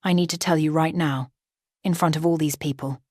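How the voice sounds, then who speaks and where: Woman reading a calm middle-aged mom, firm, authoritative, low and dry. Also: fairly quick, no echo.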